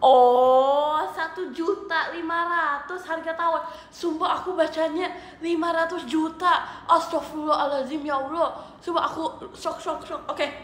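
A woman's voice: high voice, fairly even intonation, unhurried, reverberant. A young woman with an Indonesian accent hosting an idol livestream, chatting casually, giggly and singsong, often laughing.

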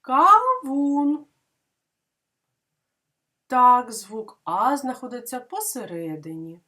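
A woman kindergarten teacher giving a literacy lesson to young children, explaining patiently and clearly with many questions. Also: a little high, sing-song, unhurried.

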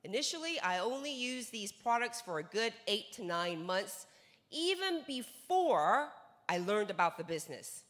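Her mid-range voice is very animated and a bit bright, delivered at a measured pace. This business seminar speaker, a woman in her forties with a North American accent, lectures emphatically on sales from a large hall stage into a handheld mic, repeating words for emphasis and posing rhetorical questions, all under long hall reverb.

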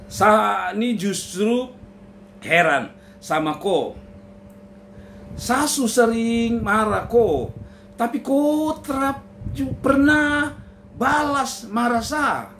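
A man's voice: very high voice, very slow, creaky, pauses often, a bit bright, slight background noise, pitched above the performer's own voice, exaggerated voice. A man voicing a short-tempered, curious Papuan husband, speaking with a Papuan Malay accent and pressing insistently for answers. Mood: pleading. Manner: insistent, coaxing questions.

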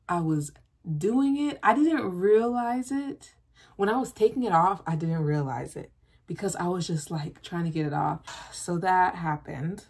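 A woman's voice: on the low side, breathy edge. A woman, chatting casually to camera about her day and reassuring herself, talking with her hands, in a bedroom. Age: 20s. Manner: chatty, self-reassuring, expressive with hand gestures. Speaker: nursing student vlogger. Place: bedroom, indoors.

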